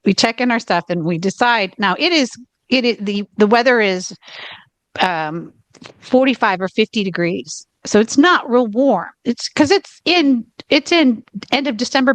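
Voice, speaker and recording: Telling a lengthy travel story on a podcast she co-hosts, a Southern-drawling woman from the United States chats in a loose, rambling way. She speaks at medium pitch with no room sound, stopping again and again on "okay."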